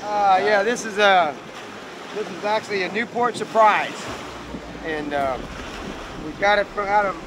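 A man's voice: high voice, a little slow, long pauses, background noise. A man and boat owner telling folksy, chuckling anecdotes to a crowd outdoors on a beach. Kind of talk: casual storytelling to a crowd.

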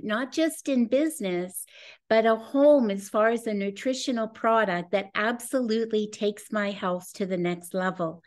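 A woman in her sixties giving an earnest, enthusiastic webinar presentation over a video call from home. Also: medium pitch. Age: 60s. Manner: earnest, enthusiastic, personal testimonial. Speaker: presenter of a business opportunity. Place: home room with a scenic backdrop, indoors. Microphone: video call webcam.

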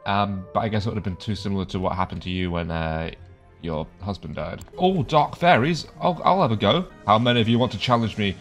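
A man's voice: on the low side, lively intonation, fast talker, faint music behind. A man giving playful, improvised gameplay commentary in a jokey, mock-dramatic manner. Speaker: gaming host.

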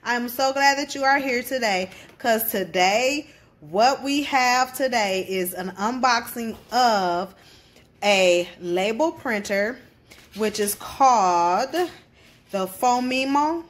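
A woman's voice: a little high, takes it slowly. A woman hosting her own crafting channel, chatting casually and upbeat through an unboxing.

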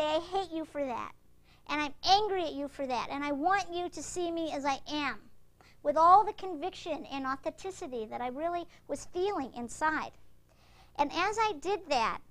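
A woman speaking earnestly and reflectively in a personal testimony. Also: sits high. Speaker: interviewee.

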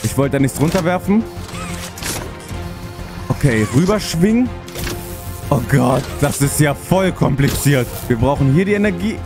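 A man doing let's play commentary, chatting himself through puzzles and easily spooked. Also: on the high side. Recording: voice over game music.

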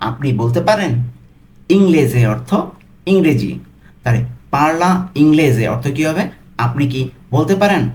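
A man teaching travel phrases as a tutor, saying each one slowly and then explaining it word by word. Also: fairly high pitch, lively intonation, darkish tone. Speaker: language tutor. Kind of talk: language lesson.

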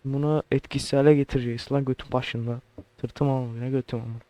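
A man's voice: medium pitch, steady tone, fast, warm tone, dry recording. A man giving crude, joking let's play commentary, swearing often and sounding baffled by what he plays. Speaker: gamer.

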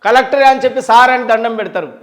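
A man with a Telangana Telugu accent speaks as an interview guest in impassioned talk, emphatic and full of rhetorical questions and long lists. His voice is very high and his pace quick.

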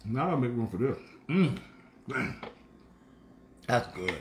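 A man's voice: medium pitch, takes it slowly, a little hiss or hum. A man in his fifties hosting a casual live cooking show from his home kitchen, playful and humming over his food. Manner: animated, playful, savoring food aloud with hums. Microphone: phone camera on the counter. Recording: echoey kitchen room.

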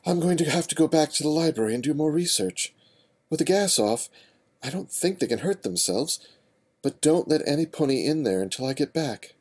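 A man's voice: a little high, animated, a little mellow, slightly rough, pitched above the performer's own voice. A man doing a fretful young unicorn mare. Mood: anxious. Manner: fretful, rapid, raised. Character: anxious bookish young female unicorn.

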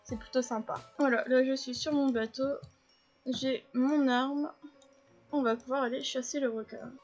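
A woman's voice: sits high, steady tone, normal speed, darkish tone, dull audio. Chatty woman explaining a game. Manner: chatty, explains controls to viewers, frequent fillers. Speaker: gaming video host. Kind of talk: casual gameplay commentary. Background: faint game music.

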